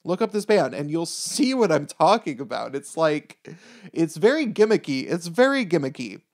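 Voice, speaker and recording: A speaker with an androgynous voice giving a casual, opinionated rant, rambling and halting, with blunt swearing and a sardonic, exasperated manner. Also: medium pitch, big pitch swings.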